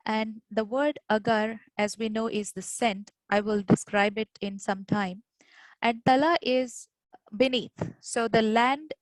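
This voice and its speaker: A woman's voice: a little high, no room sound, poor audio. A woman from India giving an academic webinar lecture over a video call, explaining patiently with frequent "uh" fillers. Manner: hesitant, many "uh" fillers, explanatory.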